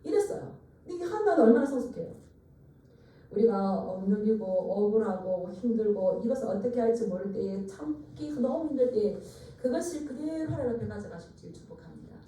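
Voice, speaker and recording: A woman's voice: a little high, animated, brisk, dark tone. A woman pastor giving an earnest sermon, leading the congregation in repeated phrases. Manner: earnest preaching with call-and-response repetition. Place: church sanctuary. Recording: echoey church from far off.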